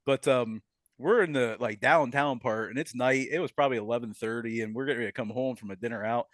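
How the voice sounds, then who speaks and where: A man's voice: medium pitch, fast talker, fairly bright tone, dry recording. Chatty man on a dry podcast mic. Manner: chatty, laughs often. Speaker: podcast co-host. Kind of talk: casual storytelling chat.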